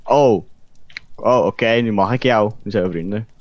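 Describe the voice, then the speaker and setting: A man talks over a game through a voice changer, his disguised voice pushed very deep. He reacts loudly and swears at what happens on screen, with faint game music behind him. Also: unhurried, muffled recording. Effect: voice changer making the voice disguised and deep. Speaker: gamer playing with friends. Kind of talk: casual gaming chat.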